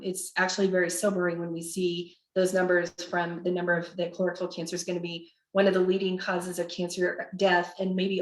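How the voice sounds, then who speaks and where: A woman's voice: on the low side, echoey room, low-quality recording. A woman leading an online training webinar, upbeat and chatty with lots of fillers.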